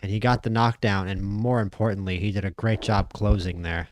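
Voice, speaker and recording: A man casually commentating a boxing management game, chatty and opinionated, stammering when he gets excited. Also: fairly low pitch, brisk, a little hiss or hum. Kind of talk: casual play-by-play commentary over a boxing sim.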